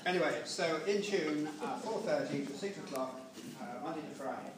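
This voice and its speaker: An older man giving an informal, unscripted eulogy to a gathering, halting and digressive as he goes. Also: fairly high pitch, animated. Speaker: family member giving a speech at a memorial gathering. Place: large echoey room with a gathering. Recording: roomy, distant recording with background noise.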